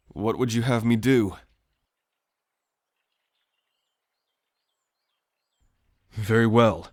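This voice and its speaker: A man playing a loyal, solemn prince in an audio roleplay, speaking in a formal, measured, courtly way. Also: on the low side, no echo, clean studio sound, natural voice. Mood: resolute.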